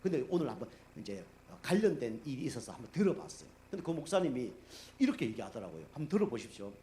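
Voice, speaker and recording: Animated Korean pastor telling stories. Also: male voice, medium pitch, fast talker, a little hiss or hum. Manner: animated, acts out quoted speech, many fillers. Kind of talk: conversational sermon storytelling. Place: church sanctuary.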